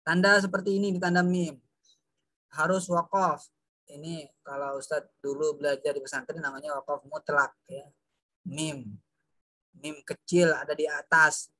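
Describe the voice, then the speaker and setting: A man's voice: on the high side, flat delivery, normal speed, long pauses, pushed and bright, slight background noise. A man teaching a class of pupils in a chatty way, with frequent fillers, addressing the students fondly as children. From Indonesia. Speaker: religious studies teacher. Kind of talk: online class lesson.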